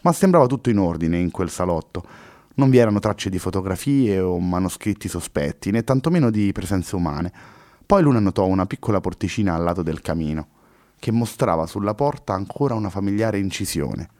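A man reading a story aloud in a measured, expressive way. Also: low voice. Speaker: narrator.

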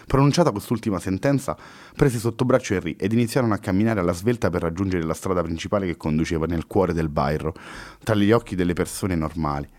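A man reading a story aloud in a measured, expressive way. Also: low-pitched. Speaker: narrator.

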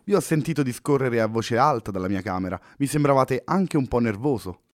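A man's voice: medium pitch, animated, a little fast, lightly acted. A man reading as a polite young woman. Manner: polite, formal questions. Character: young woman, curious and cautious.

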